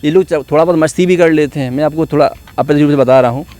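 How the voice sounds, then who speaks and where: A man coaching at a police exam academy gives a motivational talk, earnestly and encouragingly praising his students like a teacher rallying his class outdoors. His voice is a little high, fast, and dark in tone.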